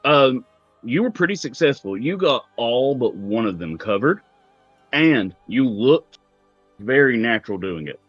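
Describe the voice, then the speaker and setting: A man's voice: medium pitch, big pitch swings, a little slow, slightly rough, dry recording, dull audio. A man running a tabletop role-playing game as game master, narrating in a casual, conversational way. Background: music.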